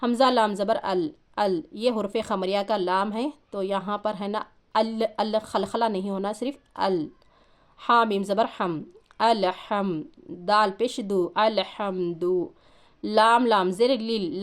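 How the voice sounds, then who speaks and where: A woman teaching Quran reading, spelling out letters and vowel marks one by one, then chanting the joined words slowly, with patient explanations in between. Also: medium pitch. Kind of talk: slow syllable-by-syllable recitation lesson.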